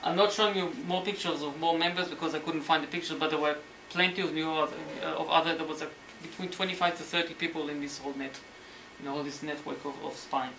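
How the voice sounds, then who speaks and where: A man lecturing on history as a story, animated and sometimes searching for words, acting out the quotes. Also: fairly high pitch, fast, few pauses. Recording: roomy hall, mic at a distance, faint noise.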